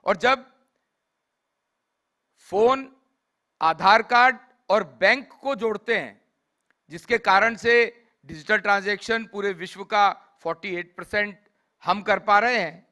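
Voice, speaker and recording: A man with a hoarse, sore throat giving a formal speech at a business summit, measured and explanatory, sometimes coughing and slipping into English phrases. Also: sits high, bright, forceful tone. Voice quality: coughs now and then.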